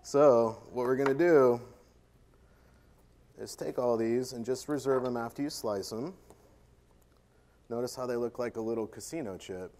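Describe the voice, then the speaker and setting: Slight background noise sits under this man's darkish mid-range voice, which moves at a moderate pace with long pauses. He's a chef doing a live cooking demo keynote on a conference stage, joking, chatting, teasing himself and playing with the audience.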